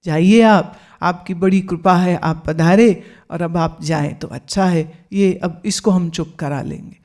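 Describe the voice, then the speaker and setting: A woman's voice: fairly low pitch, a little slow, darkish tone. A woman voicing a polite, anxious royal mother who placates a guest, in a spoken sermon story. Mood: placating.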